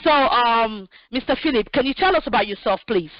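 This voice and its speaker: A Cameroonian woman in her forties, a human resources expert appearing as a guest, answers questions in an online session with direct, practical career advice. Her fairly high voice is animated, and she fills pauses with lots of "um." The audio is dry and dull like lo-fi call sound, with no room noise.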